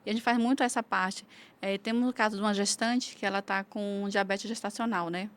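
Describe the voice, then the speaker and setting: A woman's voice: mid-range voice, brisk. A woman from the Federal District of Brazil, a community leader and guest, recounting real cases in a casual interview and acting out the dialogue of the people involved. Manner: lively retelling of cases, acting out quoted dialogue.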